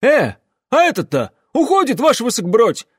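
A man voicing crude, jumpy young cavalry soldiers who shout coarse insults. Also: extremely high pitch, huge pitch swings, moderate pace, slightly rough, no room sound, studio quality, pitched above the performer's own voice, exaggerated voice. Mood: indignant. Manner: coarse, loud, colloquial.

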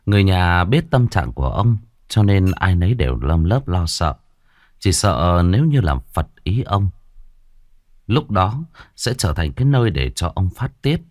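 A man's voice: low-pitched, a little mellow, dry recording, studio quality. A man narrating a ghost story dramatically.

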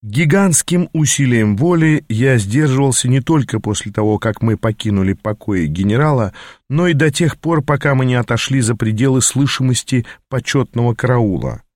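Male narrator, mid pitch, steady reading, dry booth sound. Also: moderate pace, dry recording. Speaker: audiobook narrator. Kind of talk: scripted narration.

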